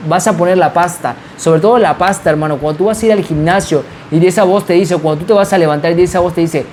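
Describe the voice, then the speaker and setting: A man's voice: sits high, fast talker, darkish tone, a little hiss or hum. A man giving an insistent, repetitive motivational monologue. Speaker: motivational speaker.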